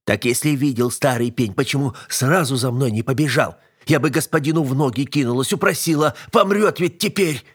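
A man voicing a fussy but caring older servant woman in an audiobook. She scolds and exclaims one moment and comforts gently the next. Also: mid-range voice, a little fast, few pauses, slightly rough, voice pushed up, natural voice. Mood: scolding. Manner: scolding yet tender, exclaiming. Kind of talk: audiobook character voice.

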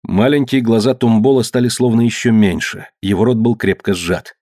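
A man narrating a story in a measured audiobook reading. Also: fairly low pitch, steady tone, a little mellow, dry recording, clean studio sound. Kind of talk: scripted narration.

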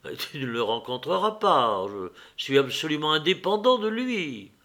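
A man reading an audiobook, voicing a calm, thoughtful younger brother in a gentle, reasoning tone. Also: a little high, normal speed, exaggerated voice.

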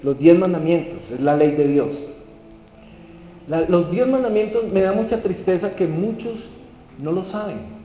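A man's voice: high voice, expressive, unhurried, slight background noise. A man preaching a sermon, asking the audience questions and acting out the people he quotes. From Colombia. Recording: dull reverberant hall with faint music.

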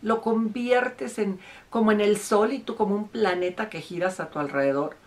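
An emphatic woman therapist talks straight to her listeners about relationship problems. She piles up repeated words to drive her points home in a steady, mid-pitched voice. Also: normal speed. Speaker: couples therapist. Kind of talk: advice talk to camera.

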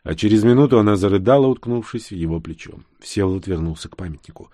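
Low-voiced male audiobook narrator. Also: fast, no echo, studio quality. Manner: steady, dramatic reading. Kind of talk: scripted narration.

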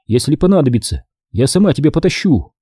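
A man's voice: on the high side, very animated, quick pace, warm tone, husky, dry recording, studio quality. A man voicing a fierce woman commander. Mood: determined.

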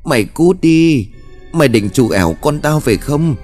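A man's voice: medium pitch, animated, moderate pace, darkish tone, soft background music, close to an everyday voice. A man voicing a grief-crazed old village mother who wails and shrieks threats. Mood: raving. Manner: wailing, then shrieking threats.

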